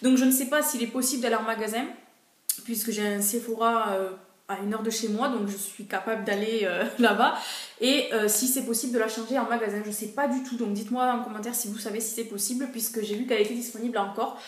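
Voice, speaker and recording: A woman's voice: on the high side, fairly even intonation, fast talker, echoey room. A woman vlogger casually reviewing her monthly beauty favorites, chatty and hesitant, with frequent fillers.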